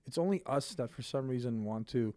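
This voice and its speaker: A man from Armenia talks on a podcast in a blunt, opinionated way, swearing as he goes. His voice sits at an ordinary pitch. The recording is dry and close, with no room sound around him. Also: expressive, brisk, dark tone, no room sound. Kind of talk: casual podcast chat.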